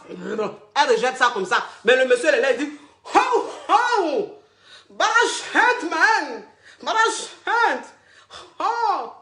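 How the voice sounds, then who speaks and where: On a live stream, a woman gives advice to callers, teasing them crudely, repeating herself, and laughing a lot. Her voice is high and sharp, and the room sounds echoey.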